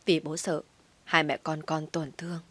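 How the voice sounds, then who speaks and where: A woman voicing a weary, gentle old father. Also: on the high side, level tone, moderate pace. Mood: weary tender.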